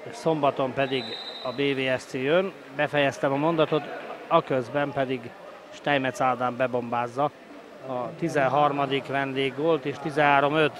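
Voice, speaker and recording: A man giving excited, openly partisan live play-by-play sports commentary as he roots for his team. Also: mid-range voice, a crowd in the background. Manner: excited, breaking into shouted goal calls. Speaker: sports commentator of a water polo match. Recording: noisy live sports venue ambience.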